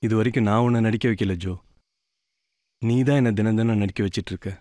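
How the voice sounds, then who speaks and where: A man's voice: on the low side, steady tone, fast, soft background music, natural voice. An actor playing a protective young man who soothes a crying woman and speaks tenderly to her. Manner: soothing, earnest. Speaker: hero of a film. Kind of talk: film drama acting. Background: loud film score.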